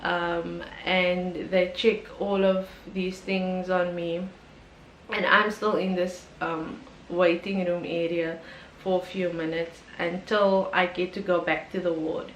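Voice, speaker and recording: A woman's voice: fairly low pitch, level tone, takes it slowly, muffled recording. South african woman telling her story to camera, lots of ums and likes, echoey room. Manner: candid and emotional, with frequent ums and likes. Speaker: YouTuber. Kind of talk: personal storytelling vlog. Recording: roomy echo with faint background noise.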